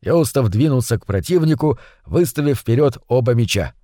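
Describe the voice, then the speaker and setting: A man narrating a fantasy audiobook in a steady, measured reading. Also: mid-range voice, dry recording, clean studio sound. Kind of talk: scripted narration.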